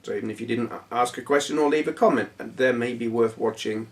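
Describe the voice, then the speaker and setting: Hoarse guy rambling to the camera, lots of ums, a bit off-mic. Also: mid-range voice, fast, far from the mic. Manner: rambling, self-deprecating, hesitant with fillers. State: hoarse, voice going. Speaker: YouTube gaming channel host. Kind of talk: casual rambling talk to camera.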